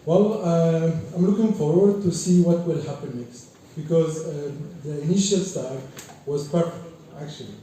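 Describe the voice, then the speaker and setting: A man in his forties from Egypt gives halting, formal remarks as an invited keynote speaker at a conference, with many fillers and repeated words. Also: a little high, mellow. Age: 40s. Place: large echoey conference hall. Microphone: distant from the microphone. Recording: echoey hall from far off, faint noise.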